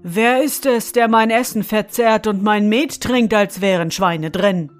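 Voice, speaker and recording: An angry, greedy troll from a fairy tale, read out by a woman narrator, demanding to know who eats his food. The delivery is slow and indignant. Faint music sits in the background. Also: mid-range voice, lightly acted.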